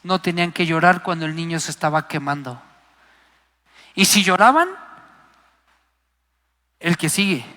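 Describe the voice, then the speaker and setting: A man's voice: on the high side, unhurried, long pauses, pushed and bright. A man preaching a Pentecostal sermon, passionate and emphatic, acting out the voices he quotes. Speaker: guest preacher. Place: live church service. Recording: long hall reverb.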